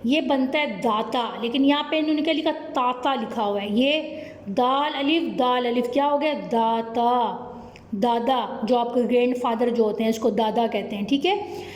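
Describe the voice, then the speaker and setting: A woman's voice: a little high, echoey room. A woman teacher with a Pakistani Urdu accent, patiently spelling out words letter by letter for young children in an online class. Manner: slow, patient spelling out of letters, repeating "ठीक है?". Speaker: primary school teacher.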